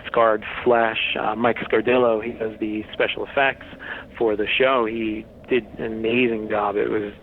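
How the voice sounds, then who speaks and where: A man's voice: fairly low pitch, little pitch movement, measured pace. Guy being interviewed over a phone-like line, casual matter of fact explaining, bit of noise. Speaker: interview guest, horror host website runner.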